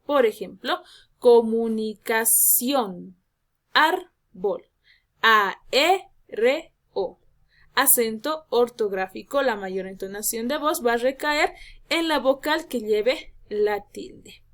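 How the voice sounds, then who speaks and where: A woman teacher giving a lesson, speaking slowly and emphatically and drawing out her example words. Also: a little high. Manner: addresses students as "jóvenes". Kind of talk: classroom lesson.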